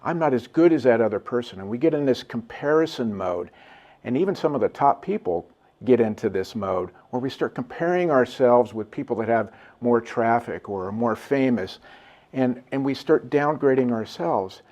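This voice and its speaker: Man, mid pitch, earnest reflective storyteller, dull lo-fi sound. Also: lively intonation, normal speed, darkish tone. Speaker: guest. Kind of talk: casual storytelling.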